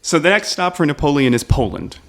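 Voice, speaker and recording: A man's voice: fairly high pitch, very animated, a little fast, fairly bright tone. A man telling a history story on a comedy podcast, casual, often checking in with "right?". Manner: explains with "right?" asides, laughs at the jokes.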